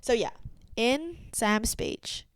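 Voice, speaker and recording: A young woman co-hosting a podcast, telling animated stories in casual chat, full of "like"s and restarts. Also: a little high, takes it slowly, smooth, no room sound. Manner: chatty, many "like"s and restarts, animated storytelling. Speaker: podcast co-host.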